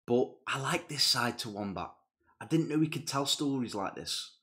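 In a small room lit purple, with a gaming chair, a young adult man reacts to music through a headset. His medium-pitched voice has a sharp tone, lively intonation, and moderate pace, chatty and excited but sincere when things get serious.

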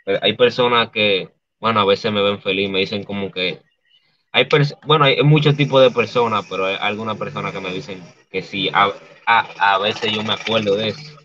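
Dominican guy on a video call, deep voice, muffled lo-fi sound, talks soft and halting. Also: steady tone, no room sound. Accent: Dominican Spanish. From Dominican Republic. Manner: halting, soft-spoken, many restarts. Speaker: guest artist. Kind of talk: emotional interview.

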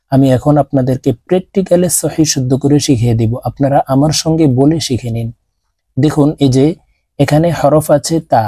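Man teaching slow drawn-out letter drills. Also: a little high, warm tone, no echo. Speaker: Quran reading teacher. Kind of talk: step-by-step recitation lesson.

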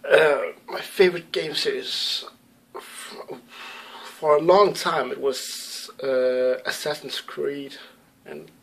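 A young YouTube gamer from Denmark speaks slowly in a husky, gravelly voice that sits on the high side, fairly bright, with fairly even intonation. Answering viewer questions in a casual webcam vlog from a small room at home, he uses Danish-accented English, not his native language, and hesitates with lots of ums and self-corrections.

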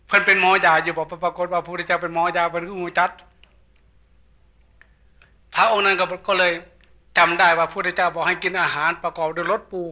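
A monk from northeastern Thailand with an Isan accent, giving a folksy sermon with a storyteller's jokes. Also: male voice, high-pitched. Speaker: Buddhist monk preacher. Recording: dull lo-fi sermon recording.

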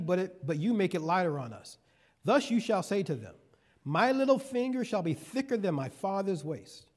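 Man, guest preacher, fairly high voice, reads scripture, folksy asides, repeats key phrases. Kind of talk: sermon.

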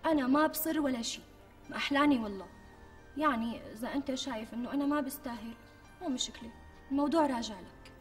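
In a TV sitcom, an actress with a high, fast voice, lightly acted, plays a greedy young bride-to-be with a Damascene Syrian accent. She wheedles and guilt-trips her fiancé, breaking into indignant bursts. A distant mic picks her up over faint music.

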